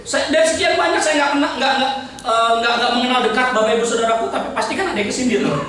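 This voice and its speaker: A man with an Indonesian accent preaching a lively, joking sermon and calling out to the congregation. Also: very high-pitched, racing, slight background noise. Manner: jokey, animated, calls out to the congregation. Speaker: pastor. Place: church hall. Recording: echoey church hall, mic at a distance.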